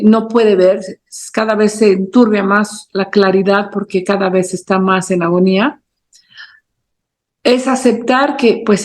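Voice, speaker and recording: A woman's voice: mid-range voice, a little mellow. A woman co-hosting a reflective conversation, speaking thoughtfully and searching for words. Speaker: co-host.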